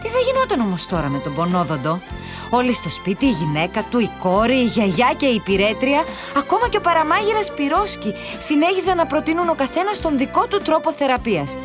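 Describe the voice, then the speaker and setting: Brief: woman narrator for a children's radio tale, animated, music under. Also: high voice. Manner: lively storytelling.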